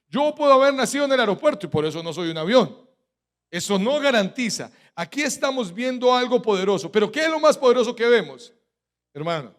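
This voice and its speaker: A Colombian man preaches in church in a fairly high voice. He drives his sermon with rhetorical questions and sharp emphatic stresses. He leaves gaps for the congregation to fill in his lines. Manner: emphatic preaching cadence with sudden loud stresses. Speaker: pastor.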